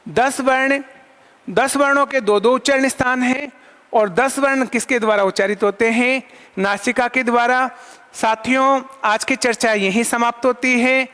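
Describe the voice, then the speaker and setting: A man's voice: extremely high pitch, fairly even intonation, unhurried, sharp tone, smooth. A man teaching an online lesson, asking questions and answering them himself and counting items aloud. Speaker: Sanskrit teacher. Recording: long hall reverb.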